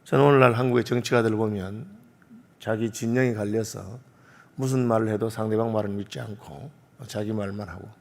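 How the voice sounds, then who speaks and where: A man's voice: fairly low pitch, steady tone, fairly quick, vocal fry, darkish tone, long reverb tail. A male pastor preaching an early-morning sermon in a church sanctuary, talking conversationally with rhetorical questions and small filler sounds.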